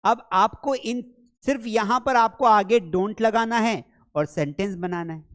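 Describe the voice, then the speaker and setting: A man's voice: high voice, measured pace, fairly bright tone. A man teaching spoken English in a live online lesson, calling viewers "children" and repeating phrases for drills.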